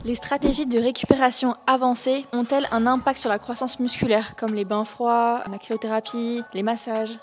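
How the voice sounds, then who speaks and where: A woman reading short questions aloud off screen in a plain, even way. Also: a little high, normal speed, few pauses, soft background music. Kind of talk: read-out questions.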